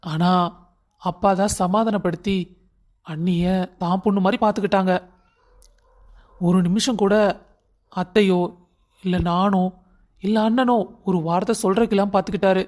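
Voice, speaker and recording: A man playing a calm reassuring young husband. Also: high-pitched, normal speed, pauses often, natural voice.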